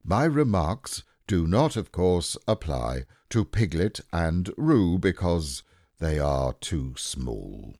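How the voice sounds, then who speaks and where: Man as a gloomy, ponderous, deep-voiced donkey. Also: very animated, slow, a little mellow, no echo, clean studio sound, full character voice. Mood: pompous. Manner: pompous, ponderous, stern. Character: gloomy, self-important old grey donkey.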